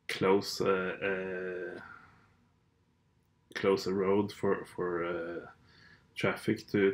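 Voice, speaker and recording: A Norwegian man, native in Norwegian, hosts a podcast with a deep, creaky voice. His casual monologue is hesitant and sardonically blunt, riddled with fillers and restarts.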